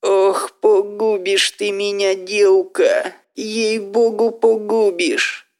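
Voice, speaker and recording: A man voicing a fretful, pious old village widow who laments in drawn-out, folksy sighs, with faint music behind. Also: high-pitched, little pitch movement, voice pushed up. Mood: lamenting. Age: older.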